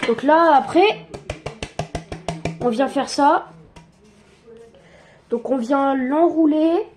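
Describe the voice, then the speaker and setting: A young woman giving a casual cooking tutorial in her home kitchen, chatty and quick to joke about herself. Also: high-pitched, a little mellow. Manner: chatty, joking, self-mocking asides.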